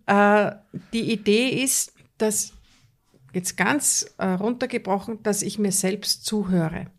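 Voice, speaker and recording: A woman's voice: mid-range voice, takes it slowly. A woman coach in an interview, talking earnestly and repeating words for emphasis. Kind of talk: conversational interview.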